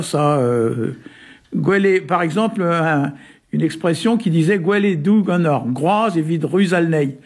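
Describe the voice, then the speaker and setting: Guy from brittany rambling about words, bit husky, fairly high voice, lots of euh and hein. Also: darkish tone. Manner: hesitant, many "euh" and "hein" fillers, chuckles often. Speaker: Breton language expert on a radio show. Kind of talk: casual explanatory chat.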